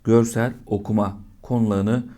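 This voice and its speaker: A man's voice: lowish voice, little pitch movement, moderate pace, warm tone. A man teaching a primary school lesson, patiently asking young children questions and answering them himself.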